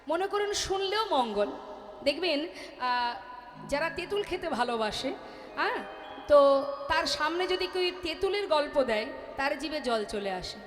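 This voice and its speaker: A Bengali woman preacher giving a devotional sermon in storytelling fashion and addressing listeners directly. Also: very high-pitched. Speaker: kirtan singer and preacher. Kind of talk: devotional chanting and spoken sermon. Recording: echoey hall with music.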